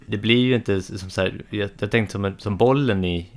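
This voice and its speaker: A man in his thirties, a podcast co-host chatting casually about board games, hesitant with many fillers and restarts. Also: fairly low pitch. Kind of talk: casual chat.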